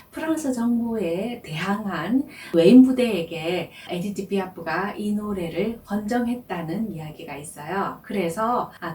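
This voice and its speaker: A woman teaching French, explaining pronunciation slowly and carefully. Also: medium pitch, dark tone, reverberant, distant mic. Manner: slow, careful explanation with drawn-out demonstration words. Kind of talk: language lesson.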